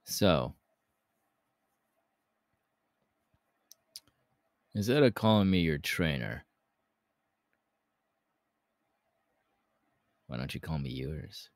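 Very deep, gravelly Hawks, romantic ASMR man acting. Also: lively intonation, no room sound. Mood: hesitant, earnest. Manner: intimate, halting, breathy laughs and sighs. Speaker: voice actor, ASMR artist. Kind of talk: romantic ASMR audio roleplay.

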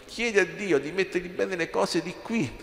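A priest with a high, gravelly voice delivers a passionate sermon at a moderate pace, hurling rhetorical questions at his congregation. The recording captures an echoey church with a long reverb tail.

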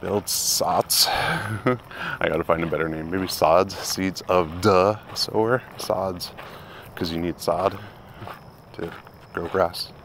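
A man vlogging casually while walking outdoors at dusk, rambling with many halting restarts. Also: low voice, a little hiss or hum. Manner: turns into quiet prayer. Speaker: vlogger and hobby game developer. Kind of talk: casual walk-and-talk vlog.

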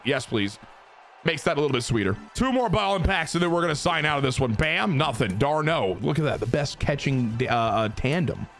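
A young man giving excited commentary over his own baseball video game, muttering one moment and shouting the next. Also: fairly high pitch. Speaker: gaming YouTuber. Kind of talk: live gameplay commentary.

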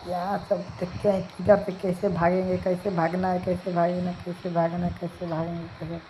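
A man's voice: high-pitched, completely flat delivery, fairly quick, mellow. A man giving casual commentary while playing a mobile game, urging his teammates along and humming snatches of songs. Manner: urges teammates, hums song snatches. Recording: dull lo-fi mic with faint noise.

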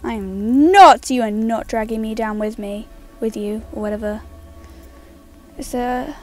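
Girl gaming commentary, kinda high voice, nervous and hushed then loud, quiet music in back. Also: a little slow. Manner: jittery, mostly hushed and nervous, bursting loud when excited. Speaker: gaming YouTuber. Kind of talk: casual gameplay commentary.

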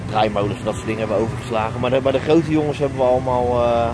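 A man's voice: mid-range voice, fairly even intonation, rapid-fire, noisy background. A man in his thirties with a Dutch accent, chatting casually with many fillers as he vlogs through a busy outdoor theme park, filming himself on a camera held at arm's length. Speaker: vlogger. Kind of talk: casual travel vlog. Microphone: action camera at arm's length. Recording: music clearly heard behind.

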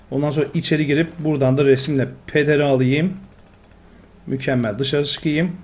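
A man commentating his own gameplay, talking to himself and getting exasperated. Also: fairly high pitch. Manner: talks to himself, excitable, exasperated. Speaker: gamer. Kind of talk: Let's Play commentary.

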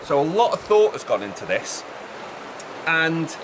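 Over the roar of a nearby fast-flowing river, a middle-aged man vlogging outdoors chats to camera about a project he is building. He projects his raised, fairly high voice in a sing-song manner.

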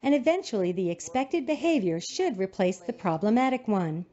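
Woman, scripted narration, calm instructive tone, lively intonation, mellow voice, dull lo-fi sound. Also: mid-range voice, normal speed.

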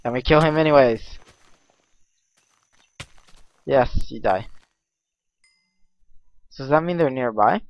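Slow-talking man narrating a game, lo-fi. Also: medium pitch. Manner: chatty, easily excited, yelps and laughs at mishaps. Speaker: gaming commentator. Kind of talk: casual let's-play commentary.

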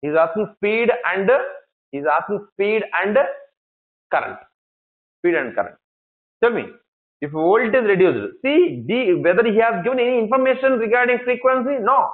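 A male engineering lecturer with an Indian English accent leads a classroom lesson in a fairly high voice. He keeps repeating key phrases and asks the class questions that he then answers himself. The recording sounds thin and tinny, like a phone line. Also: animated, normal speed.

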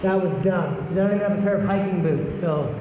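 A young adult man vlogs on a handheld camera inside a rock cave with running water, his high voice rushing out in casual, awed commentary full of exclamations. His words echo off the cave walls, and the recording is muffled by the echo and loud water noise.

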